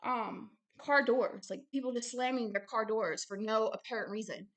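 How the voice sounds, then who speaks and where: A woman with a slightly high, somewhat bright voice speaks at a moderate pace, hosting informal religious commentary as a host and religious teacher. Her reading aloud is mixed with personal asides, delivered earnestly and insistently with frequent repeated phrases for emphasis.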